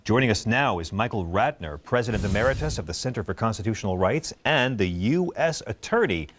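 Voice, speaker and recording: A male news host delivers his scripted lines with dry little jokes tucked in. His voice is fairly low but swings widely in pitch, and the commentary stays brisk and wry throughout. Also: lively intonation, slight background noise. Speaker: news talk show host.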